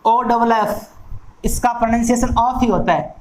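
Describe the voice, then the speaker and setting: A man teaching an exam-prep lesson who speaks slowly and deliberately, spelling out words sound by sound and repeating them for drill. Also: extremely high pitch, steady tone, a little hiss or hum, rough recording. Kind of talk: recorded classroom lesson.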